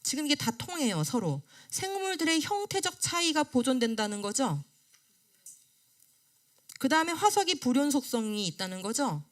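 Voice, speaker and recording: Lively woman lecturing a class. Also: sits high. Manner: asks the class questions and answers them herself; lively, rising and falling delivery. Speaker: creation science lecturer. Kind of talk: classroom lecture on a study book.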